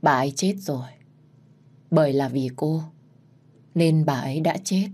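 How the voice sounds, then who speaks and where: A woman's voice: sits low, measured pace, mellow. A woman voicing an older female village shaman who gives stern, instructive warnings.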